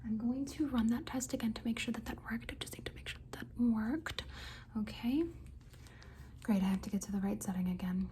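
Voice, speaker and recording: A woman doing an ASMR whispered role-play as a face examiner, with fast, repetitive, insistent patter in a breathy, mostly unvoiced whisper close to the mic. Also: on the high side, warm tone, slight background noise.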